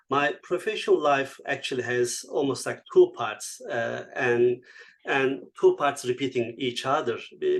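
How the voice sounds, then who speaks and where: Turkish-accented man telling his career story. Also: medium pitch. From Turkey. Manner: reflective, non-native grammar, frequent uh fillers. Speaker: guest speaker. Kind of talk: conversational interview answers.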